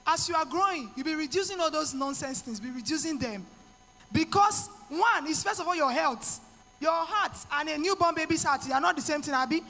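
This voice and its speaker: A woman's voice: high voice, expressive, a little fast, bright, forceful tone, in a large hall. A middle-aged woman with a Nigerian accent, giving an earnest motivational talk to women with pidgin asides. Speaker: speaker to women.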